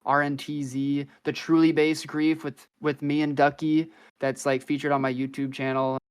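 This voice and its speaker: A man's voice: fairly high pitch, flat delivery, moderate pace, clean tone. A man guest on a podcast, telling long rambling stories in casual slangy chat, full of fillers.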